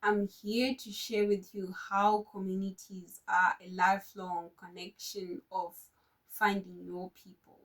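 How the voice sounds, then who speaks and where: A woman's voice: medium pitch, level tone, measured pace, recorded from a distance, rough recording. Woman giving a conference talk from afar. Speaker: conference speaker.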